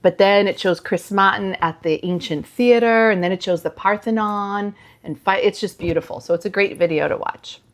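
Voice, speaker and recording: A woman's voice: mid-range voice, moderate pace, hardly any pauses. A middle-aged woman co-hosts a casual music podcast from a living room. She teases her co-host and breaks into laughter often. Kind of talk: casual chat.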